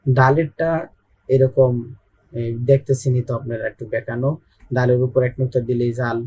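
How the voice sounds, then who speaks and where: A man's voice: mid-range voice, flat delivery, normal speed, darkish tone. A young man with a Bangladeshi Bengali accent teaching Arabic letters in an online Quran lesson, patiently repeating and drilling each sound.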